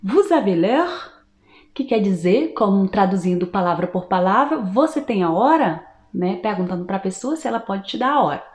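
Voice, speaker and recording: A Brazilian woman gives a patient online language lesson, explaining step by step and slowing down to model each word. Her voice is mellow and warm, and it rings in a roomy, echoey space. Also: medium pitch, lively intonation. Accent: Brazilian Portuguese. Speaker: French teacher.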